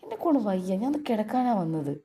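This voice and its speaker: A woman's voice: medium pitch, sing-song, fairly quick, mellow, slight background noise. A woman voicing a tired, irritable young husband who grumbles wearily. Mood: weary. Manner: weary, grumbling.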